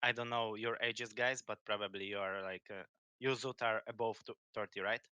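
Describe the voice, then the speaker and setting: Bright-voiced man in his late twenties. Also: fairly low pitch, normal speed, smooth, no room sound. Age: 20s. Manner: relaxed, chatty storyteller, laughs easily. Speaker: guest, pro gamer. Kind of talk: casual interview chat.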